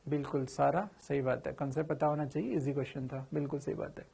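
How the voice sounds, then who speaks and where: A man's voice: medium pitch, steady tone, quick pace, creaky, warm tone, husky. A man teaching physics in a chatty, informal lecture, asking questions and answering them himself. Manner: addresses students familiarly, slips in slang.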